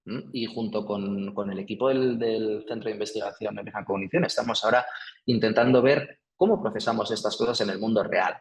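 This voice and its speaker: A guest lecturer from Spain with a Peninsular Spanish accent gives an academic lecture, explaining patiently with frequent "eh" fillers and "¿sí?" check-ins. His fairly low voice runs a little fast, and the poor audio carries a crowd in the background.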